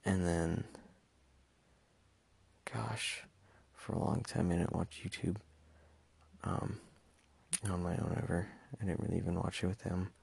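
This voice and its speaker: A man's voice: sits low, monotone, moderate pace, gravelly, mellow, breathy edge, dry recording. A young man talking in a casual personal monologue, hesitant and stumbling over his words with many fillers. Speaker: podcast host.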